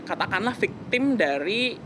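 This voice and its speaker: A man's voice: high-pitched, lively intonation, measured pace, noisy background. A man in his twenties, a musician guest, talking earnestly and reflectively in a casual interview, slipping in English phrases. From West Java, Indonesia. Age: 20s.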